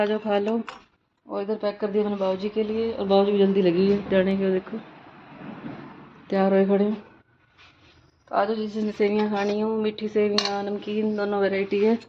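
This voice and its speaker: A woman vlogger talks straight to her viewers in a casual family vlog, her voice mid-range and dark. The phone audio is slightly dull, with faint noise.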